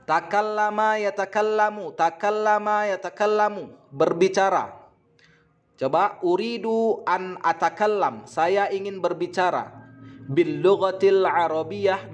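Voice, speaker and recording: A man with an Indonesian accent teaching vocabulary, saying each word and its meaning and repeating them slowly. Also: sits high. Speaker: Arabic teacher. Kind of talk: vocabulary lesson.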